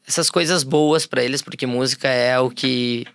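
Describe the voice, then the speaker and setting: A man, a music therapist and school founder, telling stories as a podcast guest in a relaxed way with many fillers. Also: medium pitch, normal speed, vocal fry, clean tone, no room sound, clean studio sound. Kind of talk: casual interview storytelling.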